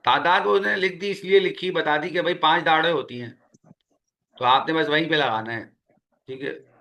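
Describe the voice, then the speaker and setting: A male Quran recitation teacher runs a spoken tajweed lesson in a small classroom while a student sits in. His slightly high voice is bright and forceful, and he patiently repeats each key sound slowly.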